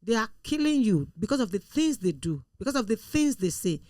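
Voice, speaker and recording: A woman in a casual discussion, telling stories with animated acted-out quotes. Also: medium pitch, a little fast, no echo, clean studio sound. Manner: animated storyteller, acts out quoted people. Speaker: show guest.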